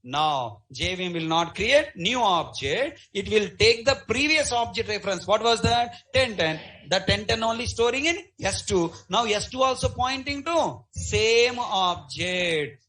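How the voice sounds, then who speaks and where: A middle-aged man lectures a live programming class, quizzing his students at every step. His voice sits high and sounds bright and forceful. He talks in short, animated bursts. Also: a little slow, low-quality recording. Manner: animated, questioning students constantly. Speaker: programming teacher.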